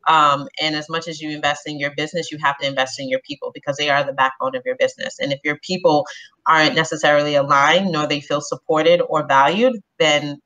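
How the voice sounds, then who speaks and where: A woman from the Bronx in New York City speaks as an HR business partner on a panel discussion. Her low voice is steady and fairly bright, and she talks in a measured, reflective way with frequent "um" fillers. The recording has a lo-fi quality.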